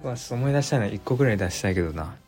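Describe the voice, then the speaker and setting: A man's voice: on the low side, rapid-fire, faint music behind. A man with a Kansai accent hosting a casual solo livestream, chatting loosely and reading listener messages aloud. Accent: Kansai Japanese. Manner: chatty, animated, muses aloud with frequent fillers. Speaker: livestream radio host.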